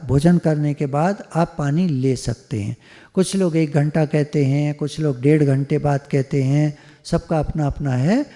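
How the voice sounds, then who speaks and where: ऊँची आवाज़ वाला पुरुष प्रवचनकर्ता, गूंजते हॉल में. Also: male voice, on the high side, mellow. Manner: conversational, joking, mixes English words. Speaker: spiritual speaker. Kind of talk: devotional satsang discourse. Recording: long hall reverb.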